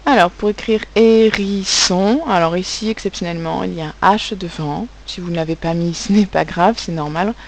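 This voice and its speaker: A woman's voice: on the low side, normal speed, few pauses. A woman teaching young children spelling and handwriting, speaking patiently and spelling out letters and sounds, with a French accent.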